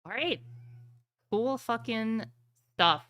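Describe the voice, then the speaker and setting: Wrapping up an online tabletop game session, a woman game master chats casually with her players and stream viewers, cursing now and then. Her voice sits on the high side, fairly bright, with lively intonation at a slow pace.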